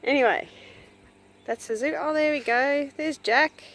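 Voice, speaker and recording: A woman casually narrating a walk around her farm, chatting fondly and calling to her animals in a high sing-song voice. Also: measured pace, a bit bright. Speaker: hobby farm vlogger. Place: outdoors on a rural property. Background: faint birds and farm animals.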